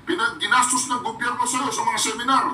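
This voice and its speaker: High-pitched guy ranting sarcastically at a clip, echoey room, mic far off, music playing. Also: flat delivery, brisk, very noisy. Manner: mocking, taunting, talks back at the clip. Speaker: vlog host reacting to a clip. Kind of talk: political reaction commentary. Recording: roomy, distant mic with music behind.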